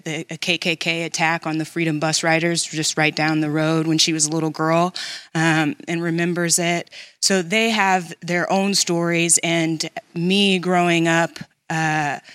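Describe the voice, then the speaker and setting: A man from near Saint Louis who speaks earnestly and in a measured way in a casual discussion. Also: on the high side, bright, forceful tone, clean tone, no room sound, clean studio sound. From Illinois, near Saint Louis.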